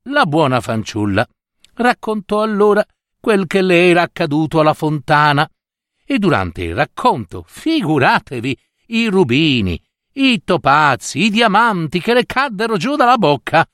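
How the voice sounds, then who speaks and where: Male fairy-tale narrator, lively, talks to his listeners, slightly higher voice. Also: measured pace, no echo, clean studio sound. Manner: lively, speaks to the listeners directly. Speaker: storyteller. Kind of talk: reading a fairy tale aloud.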